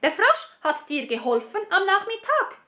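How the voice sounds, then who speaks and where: A woman's voice: extremely high pitch, very animated, moderate pace, sharp tone, voice pushed up, exaggerated voice. A woman voicing a stern old king in a spoken fairy tale, admonishing firmly. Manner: firm, admonishing.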